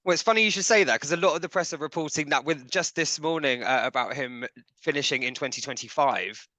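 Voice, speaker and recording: A man's voice: fairly high pitch, fast talker, sharp tone, no room sound. A man asking questions casually as an interviewer.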